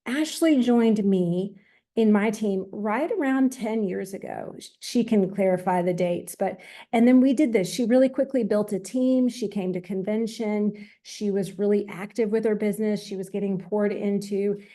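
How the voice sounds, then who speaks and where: Female host, middle-aged. Soft-edged, mellow tone, chatty introductions. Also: mid-range voice, moderate pace. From small town in eastern Georgia, USA. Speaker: host, team leader. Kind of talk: conversational introduction on a group call.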